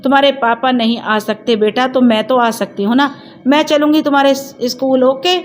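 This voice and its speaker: A woman's voice: high-pitched, steady tone, moderate pace, lightly acted. A woman voicing a short-tempered young mother who scolds sharply in a storybook reading. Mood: sweet.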